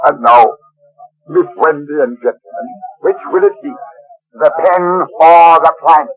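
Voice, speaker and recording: An actor playing a villainous pirate captain in a radio drama, pompous and mock-courteous, gloating theatrically. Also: male voice, fairly high pitch, measured pace, faint music behind, lightly acted, low-quality recording. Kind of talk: 1930s-style radio drama acting.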